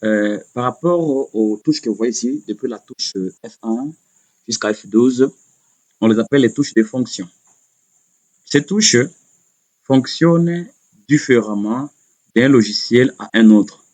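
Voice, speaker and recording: A man's voice: mid-range voice, darkish tone. Man teaching a keyboard lesson step by step. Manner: explains slowly step by step, with repetitions and fillers. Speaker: computer teacher. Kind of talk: spoken computer lesson.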